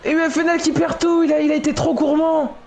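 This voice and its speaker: A man's voice: extremely high pitch, level tone, fast talker, darkish tone. A man co-commentating a motorsport race casually, jumping in with exclamations. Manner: exclamatory, interjecting. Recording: clear background noise.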